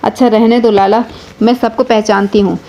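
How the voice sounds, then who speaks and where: A woman reading the lines of a fierce, sharp-tongued village wife and mother in a heated, scolding manner. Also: fairly high pitch, fairly even intonation, moderate pace, close to an everyday voice. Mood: angry.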